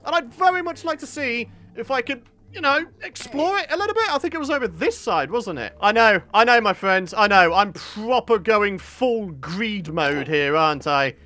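An animated man commentating on his own gameplay, his pitch swinging widely. His voice is bright and forceful. He jokes along and talks to his viewers as friends. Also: normal speed, hardly any pauses. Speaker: gaming YouTuber. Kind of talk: Let's Play commentary.

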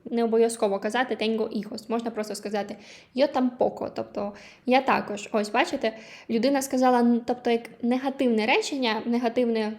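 Woman language teacher, slightly high voice, patient and clear, repeats each example for learners. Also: steady tone, quick pace, darkish tone. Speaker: Spanish teacher. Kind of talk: online language lesson.

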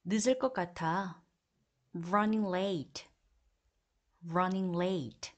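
A woman reading an English vocabulary drill as a teacher, saying each phrase twice in a slow, deliberate way. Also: on the low side, steady tone.

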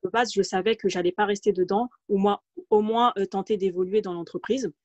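Speaking on a video call from home, this Parisian-region woman in her thirties tells her career story haltingly, full of fillers and false starts. Her medium-pitched voice stays steady yet runs a little fast, with a darkish tone and no echo in the dull, lo-fi audio.

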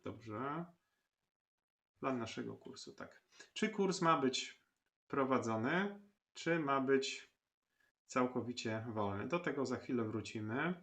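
Gravelly-voiced man teaching a tutorial. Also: medium pitch, fairly bright tone. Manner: unhurried, many filler sounds. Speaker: lecturer. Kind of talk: screen-recorded platform tutorial.

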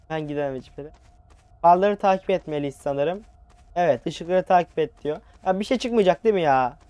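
A man's voice: high voice, darkish tone, smooth, no echo. A young man commentating a horror video game he plays, nervous and jumpy, talking back to the game on a headset mic. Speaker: gaming channel host. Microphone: new headset mic.

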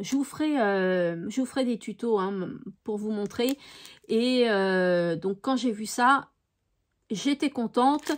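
A woman with a rather high voice talks casually to her viewers about her craft purchases. She chats along in a homely way, often pausing on little fillers as she goes. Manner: chatty, with frequent hesitations and "voilà". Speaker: craft vlogger. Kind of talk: casual haul show-and-tell.

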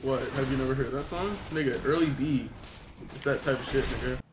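A man's voice: mid-range voice, a little fast, crowd noise. A man joking, laughing and chanting rhymes in a team voice chat while gaming. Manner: joking, sing-song rhyming, laughs a lot. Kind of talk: excited gaming banter. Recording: noisy voice chat audio.

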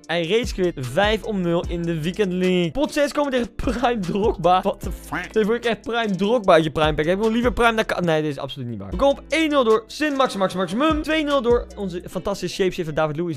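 Fast, high-pitched joking young gamer man. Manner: joking, sarcastic, excitable. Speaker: gaming YouTuber. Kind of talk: comedic game commentary. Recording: faint music behind the voice.

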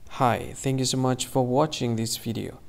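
Gravelly-voiced man hosting a quiz clip. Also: medium pitch, steady tone, normal speed, a little hiss or hum. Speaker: channel host. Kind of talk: scripted explainer and outro.

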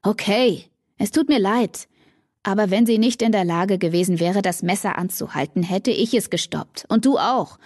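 A woman's voice: mid-range voice, normal speed, a little mellow, no room sound, clean studio sound, close to an everyday voice. A woman reading a cocky young student guy. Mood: pleading.

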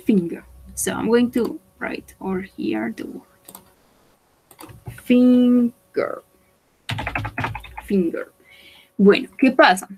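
Slow, careful woman teaching English. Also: medium pitch, poor audio. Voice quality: slow, careful explaining with repetition. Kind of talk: bilingual online English lesson.

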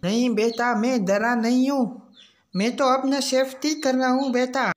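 A squeaky, high-pitched old grandpa, as a young man puts him on in a homemade comedy sketch. He is soft-hearted and a little slow, fussing and pestering sweetly about whether everyone has eaten. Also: steady tone. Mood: coaxing. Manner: gentle, calls everyone "beta", keeps nagging about food.

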